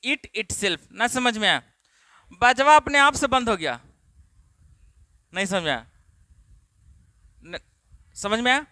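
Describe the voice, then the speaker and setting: Extremely high-pitched and animated yet slow, with long pauses, this man sounds pushed and bright, with no room sound. He is a Bihari-accented teacher from Bihar leading a spoken English lesson, repeatedly asking students the same questions.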